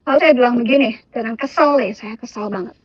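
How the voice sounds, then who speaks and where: A woman recounts her personal testimony in a frank, conversational way, with hesitations and bursts of casual slang. Her voice sits high. The recording is dull and lo-fi, with a dry, close sound. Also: fast talker, dry recording. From Jakarta. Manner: candid storytelling with fillers, slipping into casual slang when reenacting. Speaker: testimony speaker.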